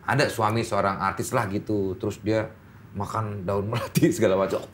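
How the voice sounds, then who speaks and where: A male host in a relaxed chat, playful and laughing often. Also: on the low side, fairly quick, slight background noise. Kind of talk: casual chat.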